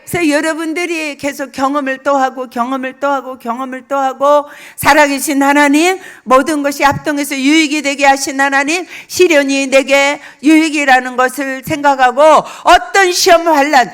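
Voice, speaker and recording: A middle-aged woman preaching a lively sermon, telling stories and acting out quoted speech, repeating phrases for emphasis. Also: high voice, normal speed, soft background music.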